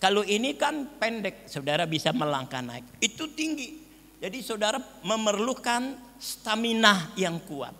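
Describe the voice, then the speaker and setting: An older man preaching a sermon to his congregation, calling them brothers and sisters and drawing out key words slowly. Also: sits high, sing-song, sharp tone. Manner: slow, drawn-out emphasis on key words. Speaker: pastor. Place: church hall. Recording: reverberant church hall.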